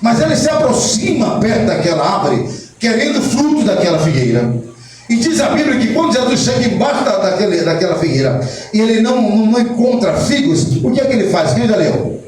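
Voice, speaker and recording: A Brazilian pastor preaching a sermon with lively energy, swinging from quiet storytelling to shouted appeals and acting out the voices in his stories. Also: high-pitched, fairly quick, slight background noise. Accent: Brazilian Portuguese. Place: church hall. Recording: echoey church hall, mic at a distance, music behind.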